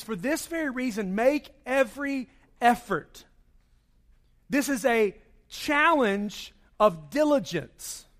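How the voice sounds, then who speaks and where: A man preaching a conversational sermon to his congregation, acting out everyday inner voices. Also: high voice. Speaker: pastor.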